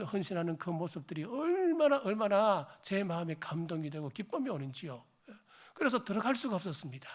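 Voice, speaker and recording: A hoarse middle-aged pastor with a Gyeongsang accent, preaching a sermon in a church, swinging from emphatic exhortation to chatty storytelling. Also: male voice, high voice. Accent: Gyeongsang Korean. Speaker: senior pastor. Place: church sanctuary.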